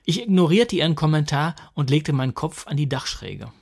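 A man's voice: a little high, lively intonation, normal speed, vocal fry, husky. A man reading a humorous first-person story aloud in a dry, wry manner. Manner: dry, wry comic narration. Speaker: narrator.

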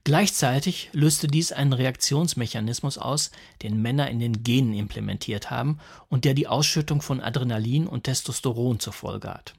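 A man's voice: mid-range voice, moderate pace, gravelly, hardly any pauses, slightly rough. A man reading a humorous first-person story aloud in a dry, wry manner. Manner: dry, wry comic narration. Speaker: narrator.

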